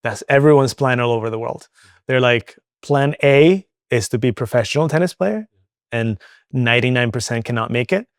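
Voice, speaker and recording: A man's voice: medium pitch, moderate pace, dry recording, clean studio sound. A young man from Venezuela with no accent, talking candidly as an interview guest, chatty and full of fillers. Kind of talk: casual interview talk.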